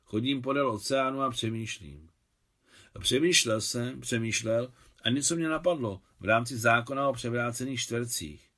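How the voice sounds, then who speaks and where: A reflective old man in his eighties, read by a male narrator, speaking sincerely and musing aloud. His tone is earnest and thoughtful, with the unhurried care of a storybook reading. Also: medium pitch, a bit bright.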